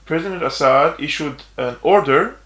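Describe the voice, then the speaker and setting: A man from Syria, a political journalist, giving measured explanatory interview answers with frequent hesitations. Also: a little high, a bit bright. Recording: roomy echo.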